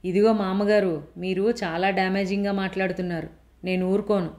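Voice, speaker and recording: Here a woman uses her natural mid-range voice, a little slow, to portray a fiery, man-hating woman in middle age. Her delivery is sharp and indignant, with accusations shouted at a raised volume.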